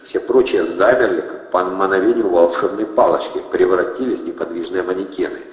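A man narrating an audiobook with an expressive delivery. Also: sits low, a little fast. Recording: echoey reverberant dull lo-fi.

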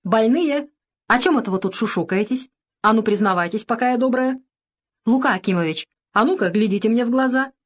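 A woman voicing a bright, bossy young army nurse who talks in a teasing, lively way, in a storybook reading. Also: fairly high pitch, fast, voice pushed up, lightly acted.

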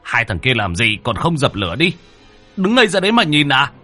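A man voicing a bossy older village man in a ghost story, scolding loudly. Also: mid-range voice, sing-song, brisk, faint music behind, voice pushed up. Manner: scolding, shouting.

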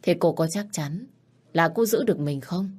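A frank older housemaid gives plain, blunt advice, as a woman narrating a storybook voices her. Her voice is low and matter-of-fact. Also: normal speed, darkish tone, husky.

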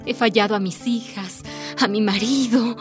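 A woman's voice: fairly high pitch, steady tone, normal speed, music in the background, close to an everyday voice. A woman playing a lonely middle-aged housewife and mother who has turned to drink, telling her story in a confessional, tearful radio drama monologue. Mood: weary. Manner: confessional, tearful, self-pitying. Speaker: housewife protagonist narrating her life.

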